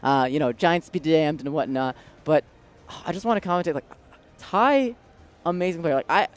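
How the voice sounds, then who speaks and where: A man commenting live on a card game tournament at a convention centre, bursting with excitement. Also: on the high side, moderate pace. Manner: excitable, breathless bursts of hype.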